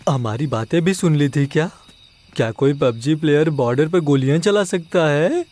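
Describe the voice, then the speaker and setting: A man's voice: fairly high pitch, normal speed, a little mellow, lightly acted. A male dub actor playing a talkative, easily scared comic sidekick in a dubbed film. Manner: chattering, fearful, complaining. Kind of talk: Hindi film dub acting.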